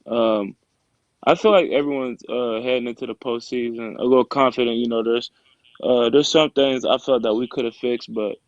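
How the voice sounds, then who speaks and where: A man's voice: medium pitch, steady tone, moderate pace, dry recording. A young man, a basketball player, giving casual interview answers over lo-fi audio. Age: young adult.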